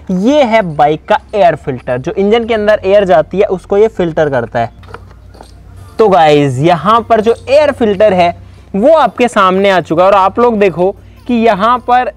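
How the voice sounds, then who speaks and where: A chatty man with a fairly high voice runs a casual hands-on vlog demo, talking straight to his viewers. He keeps calling out quick repeated commands to a helper. Faint music plays underneath. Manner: chatty, addresses viewers as brother and guys, repeats urgent commands. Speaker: vlogger.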